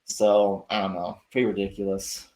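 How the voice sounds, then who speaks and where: A man's voice: fairly low pitch, flat delivery, normal speed, darkish tone, roomy sound, rough recording. A man hosting a livestream, rambling and sarcastic, swearing freely as he talks casually to his chat. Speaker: livestream host.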